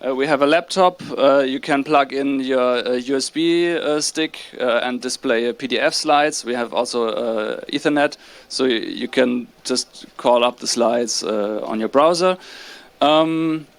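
A man's voice: medium pitch, measured pace. A man with a German accent hosting informally from a stage, improvising his announcements with frequent hesitations. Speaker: host of lightning talks. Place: on a stage before an audience. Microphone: stage microphone.

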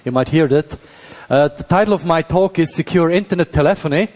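A man's voice: on the high side, a little fast, a little mellow. Swiss German man lecturing in a reverberant hall. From Switzerland. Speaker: university professor, conference speaker. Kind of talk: technical conference lecture. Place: indoor hall at a tech conference.

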